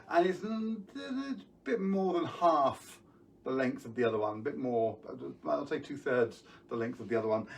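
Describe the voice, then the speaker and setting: A man's voice: medium pitch, a little hiss or hum. Chatty man, slightly distant mic. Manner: chatty, rambling, greets viewers by name. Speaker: magician hosting an online show. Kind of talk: casual live-stream chat. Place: at home.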